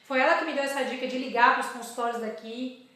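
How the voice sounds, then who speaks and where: A woman's voice: high voice, fast talker, sharp tone. Chatty woman in an echoey room. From Salvador, Bahia, Brazil. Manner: chatty, acts out her own past remarks in quoted lines. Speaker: dentist, interview guest. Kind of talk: casual interview storytelling.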